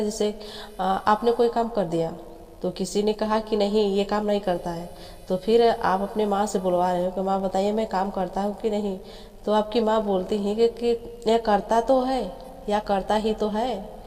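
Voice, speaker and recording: A woman explains grammar at an unhurried, deliberate pace, patient and easy to follow. Her voice is mellow and soft-edged, with a middle pitch. The room rings with a long reverb. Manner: slow patient explanation with homely examples. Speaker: English grammar teacher.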